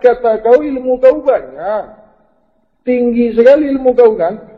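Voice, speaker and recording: Preacher, male, scolding sermon with rhetorical questions, dull recording with long reverb. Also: high voice. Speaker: religious teacher. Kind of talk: fiery sermon. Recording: muffled lo-fi recording in a reverberant hall.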